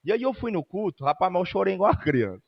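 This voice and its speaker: Male pastor, Brazilian Portuguese accent, high-pitched, fervent sermon, dull muffled recording. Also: very animated, quick pace, gravelly, big-room sound. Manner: fervent preaching that swings between loud exhortation and hushed storytelling. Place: church service.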